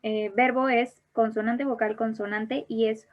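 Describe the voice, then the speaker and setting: A woman's voice: on the high side, little pitch movement, a little slow. A woman teaching an online English grammar class, explaining each rule in English and then again in Spanish. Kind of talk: bilingual online grammar lesson. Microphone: online class computer mic. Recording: dull lo-fi online class audio.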